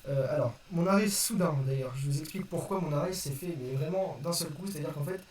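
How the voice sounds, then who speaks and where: A young video creator explains something to his viewers off the cuff, hesitant and apologetic, correcting himself as he goes. His voice is fairly high, quick, and a little mellow. A distant, roomy mic picks him up with faint noise.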